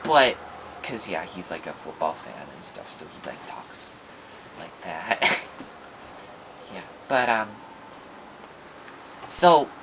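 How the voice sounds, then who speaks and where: A shy, friendless schoolboy, played by a man in an improvised comedy monologue. He stumbles through his words with ums and restarts, and his pitch rises and falls a lot. Faint noise sits behind him. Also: big pitch swings, takes it slowly, long pauses, full character voice. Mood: sheepish. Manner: hesitant and rambling, many ums and restarts.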